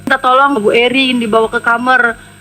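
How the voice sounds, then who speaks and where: A woman, a household worker, giving testimony at a hearing and emotionally recounting events, quoting her employer in quick bursts. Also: on the high side, steady tone, bright, forceful tone, poor audio.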